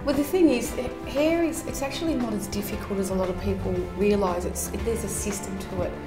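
A woman's voice: medium pitch, brisk. Earnest woman stylist, echoey room. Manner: earnest, with many fillers. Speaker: hair stylist and salon owner. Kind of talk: interview answers. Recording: echoey room with music under it.

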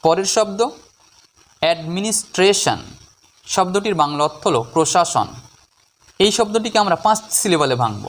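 Male pronunciation tutor, patient, spells words out, a little high-pitched. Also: animated, normal speed, pauses often, a bit bright. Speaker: English pronunciation teacher. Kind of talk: slow syllable-by-syllable pronunciation lesson.

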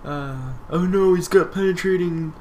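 A man's voice: high-pitched, fairly even intonation, a little mellow, a little hiss or hum. A young man co-commentating a game walkthrough, cracking jokes and chiming in with interjections. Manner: slow, joking sidekick who interjects and laughs. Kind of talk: casual gameplay banter.

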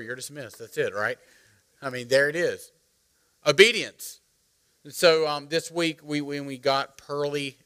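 A middle-aged man, preaching a sermon as pastor, animated and joking as he calls on the congregation. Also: mid-range voice. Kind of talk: sermon with storytelling. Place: church sanctuary.

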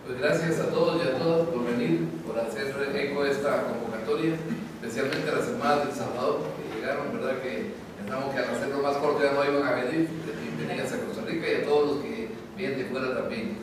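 A man's voice: mid-range voice, fairly quick. A middle-aged man opening a seminar with casual, friendly welcome remarks and light jokes, recorded in a meeting room on a table microphone. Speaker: seminar organizer. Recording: echoey room, noisy, mic at a distance.

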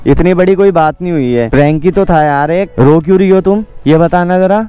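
Young man, casual vlogger, coaxing, pleading, slightly high voice, mellow tone, outdoor street. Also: brisk, clear, resonant tone, faint music behind. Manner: pleading and coaxing, repeats "yaar" a lot. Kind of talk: casual chat on a street vlog. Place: outdoors on a busy town street.

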